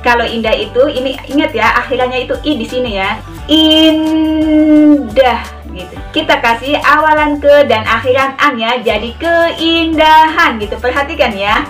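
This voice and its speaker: A woman with a high voice leads a casual sign language lesson, repeating each word slowly as she demonstrates it. She sits a little away from the mic. Soft music plays faintly underneath. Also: distant mic. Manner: chatty, repeats words slowly while demonstrating signs. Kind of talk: casual tutorial.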